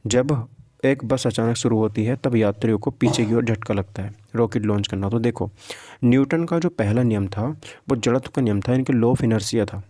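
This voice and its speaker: Reading exam-prep physics questions aloud, a man with a mellow mid-range voice explains each one in a casual lecturing manner. He repeats himself often and checks that listeners are keeping up, and there's no echo.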